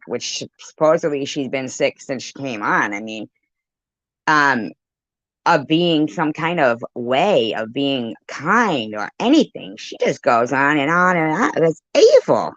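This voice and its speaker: A commentator reacts off the cuff to a livestream clip being played, indignant, swearing and repeating phrases for emphasis. The mid-range voice has no room sound, and the recording sounds dull and lo-fi.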